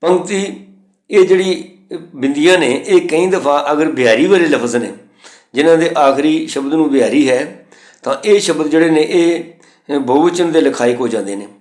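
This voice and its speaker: A man with a Punjabi accent giving a step-by-step lesson on pronouncing scripture, reciting each line slowly and then explaining it methodically. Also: on the high side, darkish tone, roomy sound. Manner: patient, methodical, repeats words and rules. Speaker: Gurbani pronunciation teacher.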